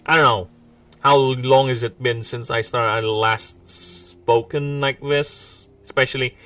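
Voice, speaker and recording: A man's voice: medium pitch, steady tone, unhurried, sharp tone. A man in his forties from the Philippines with a mixed English accent, rambling and joking on a casual livestream. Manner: joking, rambling, self-mocking asides. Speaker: indie game developer streaming. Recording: distant mic with faint music. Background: faint background music.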